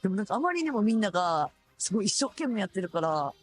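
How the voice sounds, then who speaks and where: A radio host in her thirties with a Kansai accent and a hoarse voice, chatting casually and animatedly. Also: medium pitch, quick pace, faint music behind. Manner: chatty, animated, laughs often.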